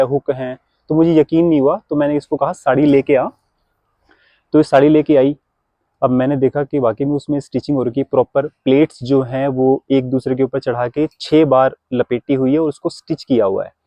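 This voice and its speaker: A man's voice: mid-range voice, dark tone, no echo. A man, talking casually to camera as a vlogger and father, lecturing viewers on keeping traditions. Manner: preachy, advising viewers on tradition. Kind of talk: casual vlog talk to camera. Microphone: phone camera. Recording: dry, slightly dull sound.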